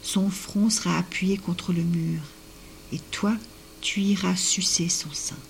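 A kind young man from a told folk tale, as a woman storyteller puts him on, giving careful step-by-step advice. He speaks in a hushed, often whispered voice, fairly low in pitch. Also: steady tone, takes it slowly, vocal fry, a little hiss or hum. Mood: confiding. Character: kind helpful young man, the ghoul's son.

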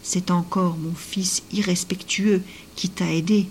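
A woman voicing a cruel mother ghoul in a folk tale, slow and half-whispered. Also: fairly low pitch, steady tone, slight background noise. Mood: angry.

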